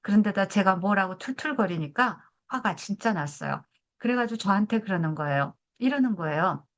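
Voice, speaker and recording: A woman's voice: mid-range voice, expressive, brisk. A woman in her seventies, a family therapy professor, lecturing in a conversational way and telling a story from her own marriage. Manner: conversational, asks listeners for agreement.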